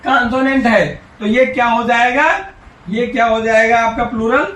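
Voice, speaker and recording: A man's voice: very high-pitched, little pitch movement, normal speed, fairly bright tone. A male teacher giving a grammar lesson, asking questions and answering them himself while coaxing the children along. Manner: drills students by asking and answering his own questions; coaxing and encouraging, addresses children directly. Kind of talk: classroom-style English grammar lesson. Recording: echoey room, voice from a distance.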